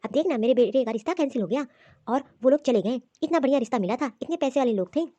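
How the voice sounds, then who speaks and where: A woman voicing a scheming, scolding middle-aged mother-in-law in a cartoon, talking in a sharp, taunting, bossy way. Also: high-pitched, lively intonation, fast, lo-fi sound. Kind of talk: cartoon voice acting.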